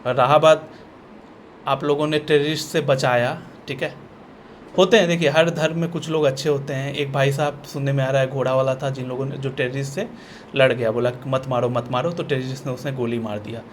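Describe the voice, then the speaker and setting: A man's voice: mid-range voice, steady tone, brisk, a little hiss or hum. A man talking in a blunt, sarcastic ranting style, often repeating himself and restarting sentences, as a vlogger. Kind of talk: ranting opinion vlog.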